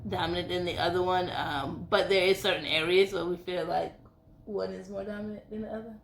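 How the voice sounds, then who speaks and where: A woman's voice: on the low side, fairly even intonation, a little fast, vocal fry, a little hiss or hum. Giggly woman in her late twenties. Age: 20s. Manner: giggly, filler-heavy. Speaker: co-host. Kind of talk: casual couple Q&A chat. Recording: echoey room.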